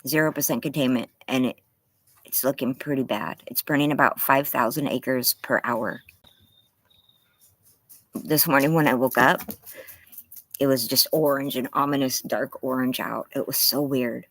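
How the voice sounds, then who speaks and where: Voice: mid-range voice, steady tone, moderate pace, long pauses, a bit bright. A livestreamer chatting casually and apologetically through a face mask, muffled, anxious, with a strained, tired throat. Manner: apologetic, rambling. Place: outdoors in a yard.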